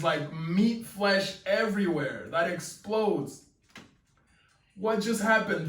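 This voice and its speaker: A young man reacting live to a webcomic chapter as he reads it, excitedly narrating and exclaiming "yo" often. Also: high-pitched. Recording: echoey room, mic at a distance, faint music.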